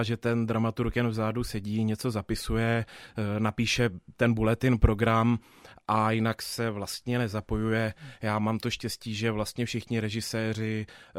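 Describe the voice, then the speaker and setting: A man's voice: on the low side, clean tone, no echo, clean studio sound. A young man, a theatre dramaturg answering interview questions thoughtfully, with many fillers and restarts. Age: 20s.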